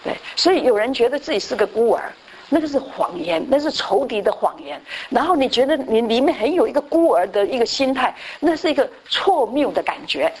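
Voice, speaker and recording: A woman pastor giving a conversational Bible class. She repeats her phrases and often fills her pauses with a short affirming word. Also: on the high side, expressive, slightly rough, low-quality recording.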